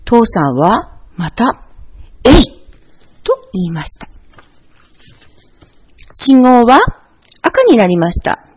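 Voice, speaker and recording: Husky woman reading a storybook. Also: on the high side, slow, long pauses. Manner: gentle, expressive read-aloud. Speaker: narrator.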